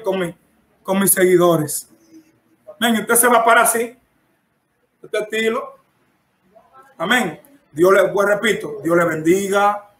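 A man from the Dominican Republic with a Dominican Spanish accent preaches to a live-streamed audience, teaching church etiquette in an emphatic style and punctuating phrases with frequent amens. His voice is high and bright with a forceful edge, and it echoes as in a roomy church.

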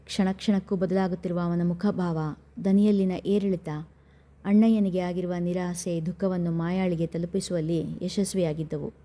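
Brief: female narrator for a dramatic audio story; lowish, warm and measured. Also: flat delivery.

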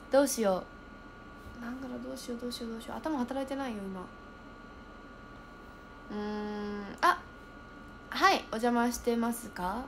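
A young woman chatting casually on a livestream, reading viewer comments aloud and thinking out loud as she reacts. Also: a little high, slight background noise.

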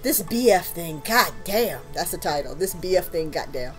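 A woman's voice: fairly low pitch, lively intonation, normal speed, soft background music. A woman hosting a let's play, joking, laughing and cussing in casual chat as she plays. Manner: joking, laughs a lot, cusses.

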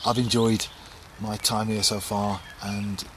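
A middle-aged man casually explaining his fishing to a handheld camcorder outdoors on a canal bank, relaxed and chatty with frequent ums. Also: lowish voice, slow. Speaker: angler vlogger. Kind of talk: casual fishing vlog to camera. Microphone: camcorder at arm's length. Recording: outdoor camcorder with clear background noise.

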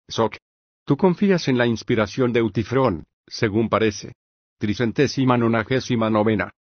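A man's voice: medium pitch, moderate pace, no room sound, highs cut off. A man reading an audiobook of a philosophical dialogue, reading speaker labels, punctuation and note numbers aloud. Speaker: audiobook reader.

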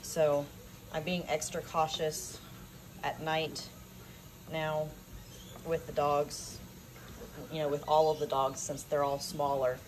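A low-voiced woman films on her phone and chats casually about her farm animals, plainspoken and full of ums and restarts. Faint peeping and farm sounds sit softly behind her voice. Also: little pitch movement, takes it slowly, pauses often, slight background noise. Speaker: small farm vlogger. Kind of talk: casual off-camera narration while filming.

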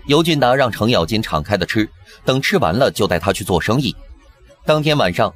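A man narrating a TV drama recap in brisk scripted storytelling. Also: lowish voice, very animated. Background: background music.

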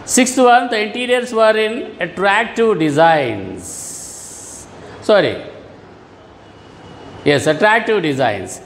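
A man's voice: high-pitched, expressive, slow, creaky, pauses often, long reverb tail, slight background noise. A man teaching an online lesson to schoolchildren, patiently repeating and rephrasing words. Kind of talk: online classroom lesson for children.

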